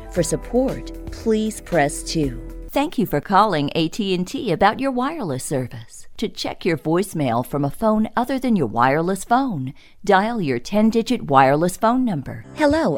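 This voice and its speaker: A woman voicing phone greetings and menu prompts, polished, friendly and clearly enunciated. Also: medium pitch. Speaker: phone system voice-over artist.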